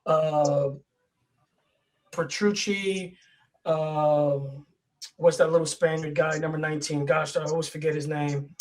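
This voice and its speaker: A man with a New York accent, an excitable, emphatic panelist in a casual chat. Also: a little high, slow, long pauses. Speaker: podcast panelist.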